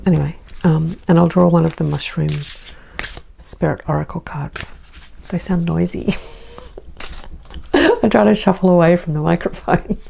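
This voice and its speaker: A woman's voice: lowish voice, steady tone, moderate pace, creaky, long pauses, warm tone, slight background noise. An Australian woman reading oracle cards, chatty and rambling with self-deprecating asides. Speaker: oracle card reader. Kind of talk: casual spoken intro to a card reading.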